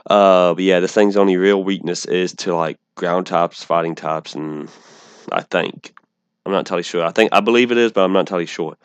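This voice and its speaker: Deep-voiced man with soft R's like W's. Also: fairly even intonation, clean tone, no echo. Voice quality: speech impediment on R sounds, saying w for r. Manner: rambling, halting, with false starts and self-corrections. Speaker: online gamer presenting an opposing team. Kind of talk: casual unscripted game strategy commentary.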